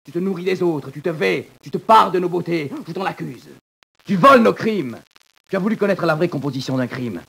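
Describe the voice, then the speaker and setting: A young male prisoner in an old radio drama, with a gravelly, husky, somewhat high voice. He sneers and accuses his cellmate, and his taunts often rise to shouting. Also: lively intonation, a little fast, full character voice. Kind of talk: 1940s radio drama acting.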